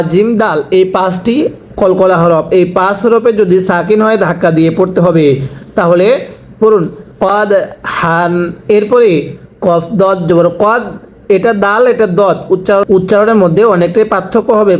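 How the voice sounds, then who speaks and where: A man teaching a recorded Quran reading lesson, spelling out syllables slowly and patiently and asking the listener to repeat after him. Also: sits high, fairly even intonation. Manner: slow, drawn-out syllables for the learner to repeat; patient step-by-step instruction.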